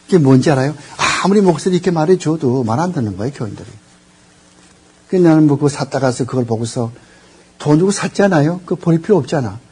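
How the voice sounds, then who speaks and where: An older man's theology lecture in class is animated and quick, full of rambling, word searching and questions aimed at the audience. His fairly high voice has a dark tone, and there's a little hiss or hum.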